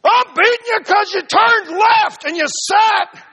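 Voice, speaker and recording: A man voicing Balaam, a hot-tempered, impatient man yelling at his donkey. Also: expressive, fairly quick. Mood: angry. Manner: high shouting exasperation. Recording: reverberant hall.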